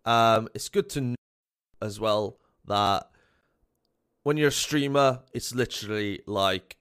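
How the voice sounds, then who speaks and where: Upbeat South Welsh podcast host. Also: male voice, fairly low pitch, slow pace, a bit bright, clear, resonant tone. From South Wales. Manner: chatty, upbeat, frequent fillers and repeats. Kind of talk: casual interview chat.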